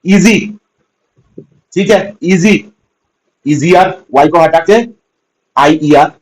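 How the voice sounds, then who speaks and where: Male tutor, fairly high-pitched, steady classroom explaining, checks understanding often. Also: very slow, rough recording. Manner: patient, repetitive, spells out words letter by letter. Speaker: teacher. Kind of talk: grammar lesson.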